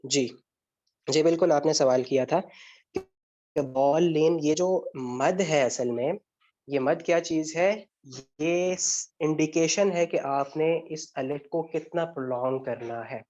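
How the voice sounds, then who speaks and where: A slightly high male voice with a darkish tone belongs to an Arabic grammar teacher lecturing online with student questions. He builds his explanation step by step, often asking a question and answering it in turn, in dull lo-fi audio.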